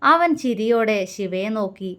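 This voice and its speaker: A woman's voice: medium pitch, lively intonation, unhurried, bright, forceful tone. A woman narrating a serialized romance story and voicing the characters' dialogue herself.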